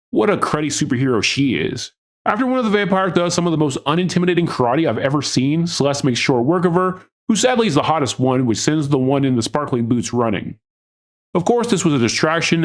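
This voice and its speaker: Male recap host, voice a bit high, delivering scripted comic film narration with mocking sarcasm. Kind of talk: scripted comedic review narration.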